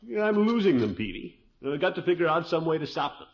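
A man acting a fretful, pompous, soft-hearted middle-aged uncle in a 1950s radio sitcom, blustering and hemming with theatrical sighs. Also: on the high side, big pitch swings, fast. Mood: worried. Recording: dull, noisy old radio recording.

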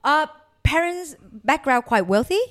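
A woman's voice: high-pitched, lively intonation, unhurried, a bit bright. A young adult woman from Thailand, a podcast guest talking casually and laughing often. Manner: laughs often, loose playful talk. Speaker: guest, private chef. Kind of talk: casual chat.

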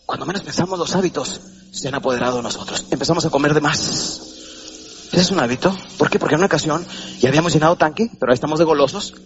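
Racing along in a voice on the high side, a Mexican man gives a live motivational seminar talk in a hall. He acts out little voices and quizzes his listeners in an animated, theatrical way. The audio is dull, with a noisy background.

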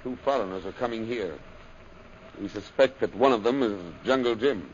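An actor playing a commanding, menacing camp ruler in an old radio serial, with a domineering, deliberate manner. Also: male voice, lowish voice, natural voice. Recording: dull, noisy old radio recording.

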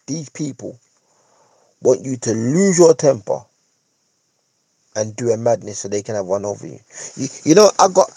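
A man's voice: medium pitch, creaky, mellow, slightly rough, no room sound, low-quality recording. A man with a London roadman accent and urban street slang gives a casual, opinionated monologue as a host, repeating phrases for emphasis and checking that listeners follow. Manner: emphatic, repeats phrases, seeks agreement with tag questions. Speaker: podcast host.

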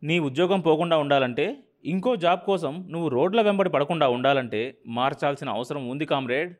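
A man's voice: on the high side, a little fast, pitched above the performer's own voice, close to an everyday voice. A man doing a brash, bullying TV boss. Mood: domineering. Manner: brusque, mocking, domineering. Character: brash scheming male TV channel boss.

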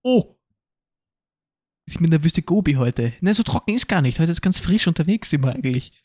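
A young man rattles off absurd, rambling jokes at a fast clip and delivers them deadpan. His voice sits a little high, and the recording is close and dry. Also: dry recording. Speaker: podcast co-host. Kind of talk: casual comedic chat.

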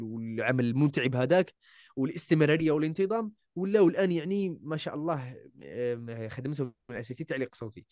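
A young Algerian voice-over artist, appearing as a guest in a casual interview, speaks emphatically in an Algerian Arabic accent and repeats key words. His voice is fairly high and a little mellow, captured in studio quality with no echo.

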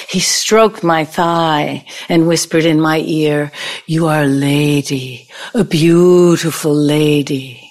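An actress playing a bitter middle-aged ex-girlfriend who taunts a dead man's daughter with her memories, in an audio play. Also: fairly low pitch. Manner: slow, taunting storytelling. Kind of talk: amateur radio drama acting.

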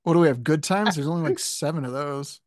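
A man's voice: fairly high pitch, no room sound, studio quality. A man co-hosting a podcast in casual chat, making puns and laughing a lot. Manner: punning, laughs a lot, slow and relaxed. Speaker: podcast co-host.

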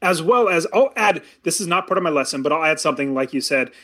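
A middle-aged man co-hosting a podcast in casual chat, animated and acting out parents yelling. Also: a little high, fast talker. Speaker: podcast co-host.

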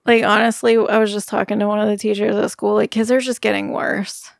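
A woman's voice: medium pitch, level tone, a little fast, creaky, no room sound, clean studio sound. A middle-aged woman co-hosting a podcast from her bedroom, talking earnestly and rambling with many "like" fillers. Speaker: podcast co-host. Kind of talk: casual chat. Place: bedroom at home.

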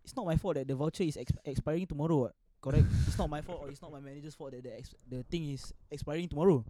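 A man's voice: fairly high pitch, rapid-fire, dark tone. A young man with a Singaporean accent chatting casually in Singlish as a podcast host, peppering his talk with lah and ah. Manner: speaks colloquial Singlish with lah, ah and sia particles. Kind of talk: casual chat.

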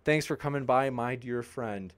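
A man's voice: medium pitch, normal speed, clean tone. A man hosting a debate channel's live stream, reading viewer comments aloud and joking with the chat in an upbeat way. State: tiring, pausing to drink.

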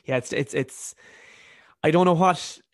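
Man, early twenties, softened Cavan Irish accent, reflective interview talk, repeats words, dry sound. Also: a little high, no echo. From County Cavan, Ireland. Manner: halting, repeats words as he thinks. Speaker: podcast guest, university student.

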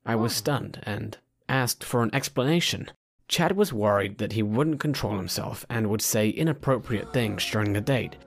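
A man with a fairly low voice delivers a scripted first-person story. He talks straight to the listener in the manner of a storytime vlogger. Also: lively intonation, moderate pace, gravelly, no echo, studio quality. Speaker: storytime narrator.

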